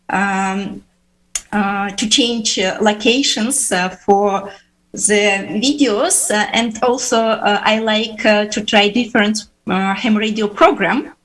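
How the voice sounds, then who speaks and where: A woman's voice: mid-range voice, a bit bright, low-quality recording. Hesitant woman with a Russian accent. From Uzbekistan. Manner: halting non-native English, many filler pauses. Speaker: ham radio operator guest. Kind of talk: live show interview.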